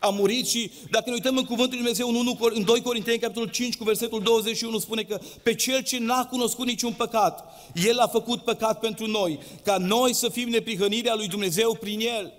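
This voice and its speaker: In a church hall with long, reverberant acoustics, a man with a very high voice and fairly even intonation preaches a sermon. His delivery is impassioned and sing-song, rising and falling.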